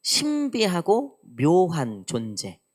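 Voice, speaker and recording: Animated woman preaching a sermon. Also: on the low side, takes it slowly. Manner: animated preaching, acts out God's teasing lines. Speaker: pastor. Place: church sanctuary.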